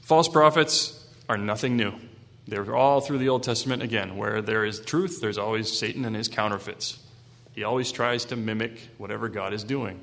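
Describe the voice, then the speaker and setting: A man's voice: lowish voice, moderate pace, creaky, fairly bright tone. Man preaching in a reverberant hall. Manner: reads scripture then retells it casually. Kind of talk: Bible reading with sermon commentary.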